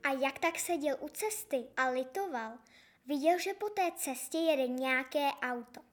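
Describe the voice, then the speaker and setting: A woman narrating a fairy tale in an expressive storytelling style. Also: high voice.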